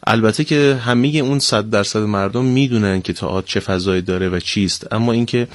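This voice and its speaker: Low-voiced man, measured, dry sound. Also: no room sound. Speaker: guest, theater director. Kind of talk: formal studio interview.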